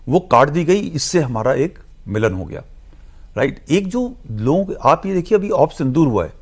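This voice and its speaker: A man speaking as a guest analyst on a TV discussion, explaining in a measured, lecturing way and slipping in English phrases. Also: medium pitch, darkish tone.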